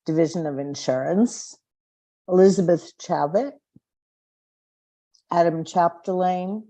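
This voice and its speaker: A woman with a fairly low, dark voice acts as vice chair, formally opening and running a public commission meeting. Her manner is measured and slightly halting.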